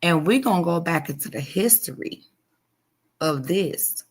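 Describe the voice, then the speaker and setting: A woman's voice: lowish voice, expressive, a little slow, slightly rough. A woman in her forties hosting a casual live chat, talking straight to her supporters in an emphatic, repetitive way. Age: 40s. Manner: emphatic and repetitive, addressing viewers directly. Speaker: livestream host.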